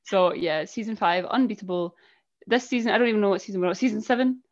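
A woman's voice: medium pitch, fast, darkish tone. Scottish woman, early 20s, podcast co-host, sarcastic chat, slightly muffled audio. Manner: chatty, sarcastic, laughs often. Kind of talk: casual chat.

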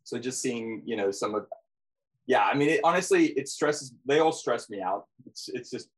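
An Australian man guesting on a casual podcast, hesitant and halting, with lots of fillers. His voice is breathy and husky, at an average pitch. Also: animated, poor audio.

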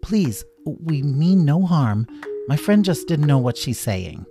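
A man voicing a gentle, timid female bunny who pleads politely in a storybook reading. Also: medium pitch, sing-song, moderate pace, creaky, music in the background. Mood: pleading. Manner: soft, pleading.

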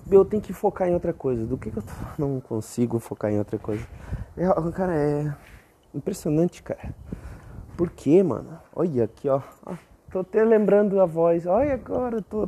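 A young man hosting a casual rambling monologue, profane and self-mocking, often breaking into high squeaky exclamations. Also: creaky, dark tone, a little hiss or hum. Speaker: podcast host.

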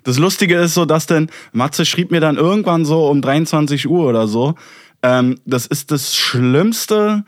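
A man hosting a podcast in casual chat, animated and rambling, with many restarts and fillers. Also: fairly high pitch, unhurried, no echo, clean studio sound. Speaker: podcast host.

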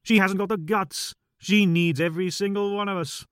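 A man's voice: high-pitched, steady tone, normal speed, fairly bright tone, clean tone, no echo, clean studio sound. A man playing a breezy, overconfident friend who dismisses everyone's worries.

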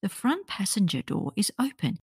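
A woman podcast host telling a true crime story in the first person, with soft, measured storytelling that at times drops to a whisper. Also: medium pitch, sing-song, gravelly, slightly rough, dry recording, clean studio sound.

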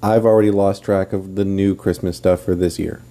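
A man's voice: low voice, fairly even intonation, a little fast, dark tone. A man co-hosting a casual podcast, teasing his wife in a laid-back way. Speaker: podcast co-host. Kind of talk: casual chat.

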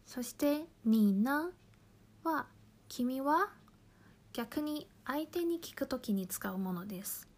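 A woman teaching a language lesson, explaining patiently and slowly, drawing out example phrases. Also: high-pitched, expressive. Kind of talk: slow, careful lesson explanation.

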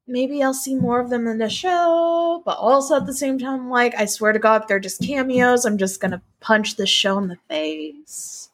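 A woman co-hosting a podcast in casual chat, animated and exasperated, laughing often and swearing. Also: on the high side, moderate pace, hardly any pauses.

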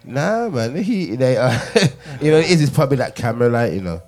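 A man hosting a casual podcast interview, slangy and halting, often repeating himself. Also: mid-range voice, big pitch swings, darkish tone.

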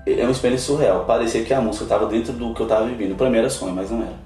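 Man, guest missionary, earnest testimony, heard from a distance in a roomy space with soft music. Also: mid-range voice, rapid-fire. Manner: earnest, emotional storytelling. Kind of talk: personal testimony in a podcast interview.

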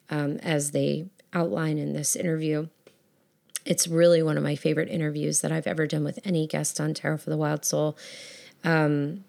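A woman hosts a casual podcast chat with a scratchy voice today, gushing effusively and using many fillers. Her voice is low-pitched with vocal fry and a darkish tone.

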